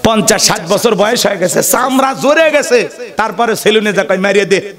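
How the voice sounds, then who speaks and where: A male preacher delivers a lively waz sermon in a high-pitched voice. He keeps calling on the crowd for replies and acts out little scenes with humor. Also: normal speed.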